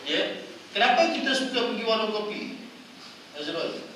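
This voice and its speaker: Echoey Malay preacher, high voice. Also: male voice, expressive, moderate pace, sharp tone. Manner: playful, quizzes audience, acts out wives' voices. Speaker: religious lecturer. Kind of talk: lively mosque lecture. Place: mosque prayer hall. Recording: echoey hall, distant mic, noisy.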